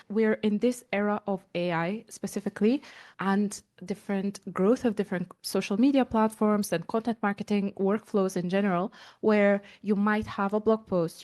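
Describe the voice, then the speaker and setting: A woman's voice: medium pitch, a little mellow. A woman moderating a marketing panel, chatty and self-deprecating, often laughing. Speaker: panel moderator and event organizer. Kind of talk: panel discussion.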